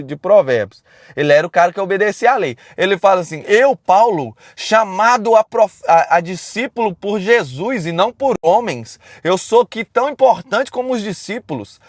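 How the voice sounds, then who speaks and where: A man preaching casually and loudly on a live stream, talking bluntly and straight to his viewers. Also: high voice, no room sound, clean studio sound.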